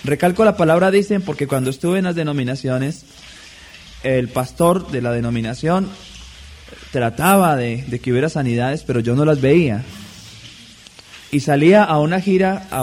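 Man, sermon, measured, emphatic stresses, a bit high-pitched, faint background hum. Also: a little mellow. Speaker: preacher.

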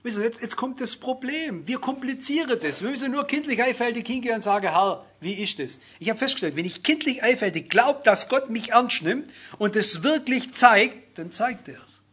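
High, bright, husky-voiced man preaching. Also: lively intonation, moderate pace. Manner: earnest, addresses listeners directly with rhetorical questions. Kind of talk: sermon.

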